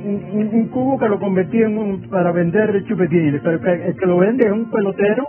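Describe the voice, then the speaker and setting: A very old man in his nineties, an amateur inventor, talks eagerly and repetitively in a high, brisk voice during a spontaneous live interview indoors at home. He speaks into a reporter's handheld microphone, and the live feed sounds tinny and phone-like, with music behind him.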